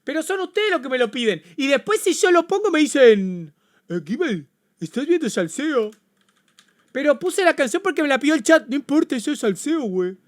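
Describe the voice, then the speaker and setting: A man with an Argentine accent reacting on a casual livestream, excitable and swearing, often repeating himself. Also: very high-pitched, fast, hardly any pauses. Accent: Argentine Spanish. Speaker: streamer.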